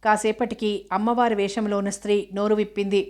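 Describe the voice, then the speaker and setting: A woman narrating a novel aloud in a steady, even storytelling manner. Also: mid-range voice, fairly quick. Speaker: audiobook narrator.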